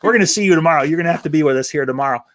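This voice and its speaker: A man's voice: on the high side, rapid-fire. An American man hosting a casual, enthusiastic live-stream chat outdoors in a backyard. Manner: upbeat, enthusiastic. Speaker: host.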